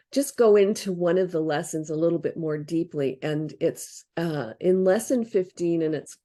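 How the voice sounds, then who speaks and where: A woman's voice: lowish voice, dark tone. A woman in an interview, explaining relationship advice in a practical, reflective way and acting out example phrases. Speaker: interview guest discussing relationship books. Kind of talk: casual explanatory interview talk.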